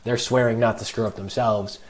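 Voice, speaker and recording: A man's voice: on the low side, fairly even intonation, brisk. A man talking as a financial advisor guest on a podcast, explaining with emphatic worked examples. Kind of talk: podcast conversation.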